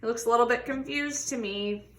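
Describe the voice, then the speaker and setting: Reading a children's picture book aloud, a woman with a highish voice moves at a brisk pace. She is expressive, elongating words for emphasis and turning to her young audience with questions.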